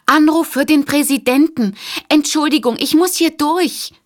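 Woman doing a shrill flustered phone operator. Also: moderate pace, natural voice. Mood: urgent. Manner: high-pitched, urgent, pleading.

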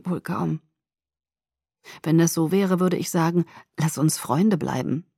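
A brooding, pained young man speaks low and hushed, as a woman reads him in an audiobook. His voice is husky and close, with a dry, dead sound. He keeps his words quiet and heavy. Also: takes it slowly, no echo, full character voice. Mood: cold, pained. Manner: low, subdued and hushed, at times murmured.

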